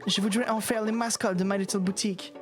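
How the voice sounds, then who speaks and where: A woman's voice: mid-range voice, normal speed, faint music behind, natural voice. A woman doing a posh franglais block collector. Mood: dreamy, pleading. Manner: French mixed with English words, mock posh. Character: snooty male block collector, impatient boss of Bowser's world. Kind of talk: reading game dialogue aloud in voices.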